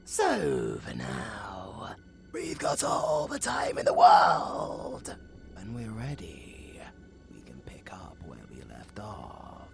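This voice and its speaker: In a theatrical, taunting ASMR audio roleplay, a British man plays a flirtatious, gleefully wicked undead necromancer, swinging between breathy whispers and shouts. His mid-range voice is heavily acted, and the mood is scheming.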